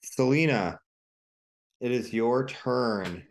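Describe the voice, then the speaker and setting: A man running a tabletop game as game master, giving measured rulings. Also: medium pitch.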